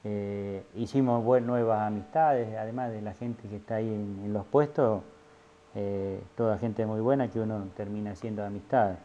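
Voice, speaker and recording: Halting middle-aged Argentine man, mellow. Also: lowish voice, fairly even intonation, a little hiss or hum. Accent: Argentine Spanish. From Santa Fe, Argentina. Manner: halting, many restarts and fillers. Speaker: filete artisan. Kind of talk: casual interview testimony. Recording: dull lo-fi audio.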